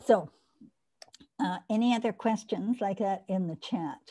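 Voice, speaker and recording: An older woman teaches an online course over a video call, taking questions and explaining with eagerness while often restarting her sentences. Her voice is medium in pitch with a dark tone, and she speaks at a measured pace.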